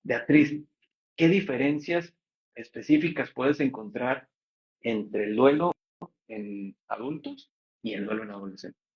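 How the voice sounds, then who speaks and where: A man hosts an interview, speaking in a husky, slightly breathy voice at an ordinary pitch. He praises his guest warmly and reworks his own phrasing as he goes, and the recording has a somewhat muffled, lo-fi sound. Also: animated, measured pace. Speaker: interview host. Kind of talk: interview host questions.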